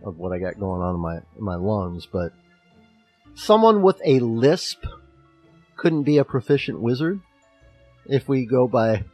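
A man's voice: mid-range voice, big pitch swings, unhurried, pauses often, a little mellow, slightly rough, faint music behind. A man with a slight lisp, co-hosting a casual podcast chat about a book chapter and rambling with restarts. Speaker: podcast co-host.

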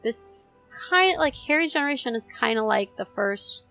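A woman's voice: on the high side, lively intonation, normal speed, loud music behind the voice, poor audio. A woman co-hosting a podcast in casual chat, explaining her ideas at length with fillers. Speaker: podcast co-host.

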